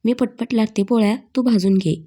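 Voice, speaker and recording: Bold young woman in a storybook, brisk and teasing, bright-pitched, voiced by a woman narrator. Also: steady tone, lightly acted. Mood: playful.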